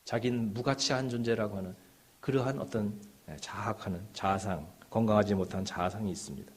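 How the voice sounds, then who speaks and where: A man's voice: on the low side, brisk, slightly rough. A middle-aged man, a pastor, preaching a sermon in a conversational way, with rhetorical questions and frequent affirming fillers. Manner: rhetorical questions, rising and falling in loudness.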